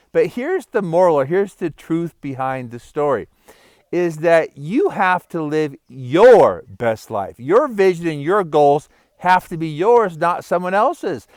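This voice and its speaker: A middle-aged vlogger and life coach tells a funny story and offers life advice outdoors by a pond, upbeat and chatty, chuckling often. His voice is on the high side and expressive, and he takes it slowly. There's no room sound.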